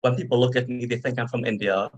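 A man's voice: medium pitch, steady tone, fast, highs cut off. A young man from Trinidad and Tobago, a podcast guest, telling his story in a reflective, conversational way with frequent "um" and "you know".

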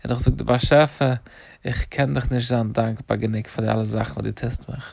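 A man's voice: medium pitch, fairly even intonation, a little fast, gravelly, darkish tone, no room sound. A middle-aged man, a rabbi, patiently explaining to a child and listing things with devout, repeated thanks.

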